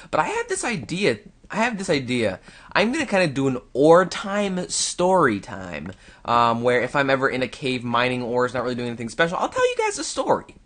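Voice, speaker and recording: With a mid-range, fairly bright voice, this young Canadian YouTuber gives relaxed, meandering let's-play commentary. He talks close to the microphone, half to himself and half to his viewers.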